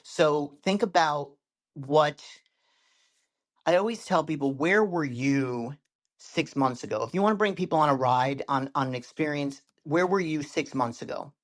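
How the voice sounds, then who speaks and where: A man's voice: fairly high pitch, unhurried. A man being interviewed as a social media coach, telling stories with shifting speed and tone on what sounds like a video call. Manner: animated storyteller, varies speed and tone for effect. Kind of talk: podcast interview.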